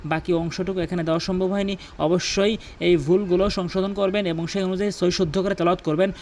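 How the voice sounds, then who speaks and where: A man with a Bangladeshi Bengali accent teaching correct Quran pronunciation, alternating quick explanations with slow chanted recitation. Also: high voice, little pitch movement, darkish tone, slight background noise. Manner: explains pronunciation, then recites verses slowly in chanted style.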